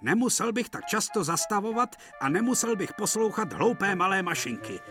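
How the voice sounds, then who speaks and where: A grand, self-important male engine with a lofty, lively, swooping voice, as a man puts him on, sneering at everyone beneath him. The delivery sits high for a man, over clear music from a cartoon dub. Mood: haughty. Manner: haughty, scornful. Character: big pompous proud male express engine.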